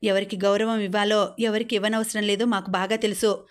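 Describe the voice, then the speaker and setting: A woman's voice: mid-range voice, little pitch movement, fairly quick, close to an everyday voice. Woman reading as a scornful teenage son. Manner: scornful, sneering. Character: angry defiant teenage son.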